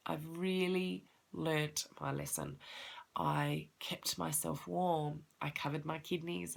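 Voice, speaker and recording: A wellness vlogger speaks to her viewers in a personal, reflective talk, earnest and heartfelt. Her voice is deep with vocal fry, and she sounds congested and sniffly.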